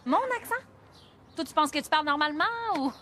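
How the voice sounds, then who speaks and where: A woman's voice: high-pitched, little pitch movement, fast, background noise, natural voice. An actress playing a bold, teasing young woman with a Québécois accent in film dialogue. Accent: Québécois French. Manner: brash and teasing. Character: bold, cheeky young woman hunting for a prince. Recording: music underneath.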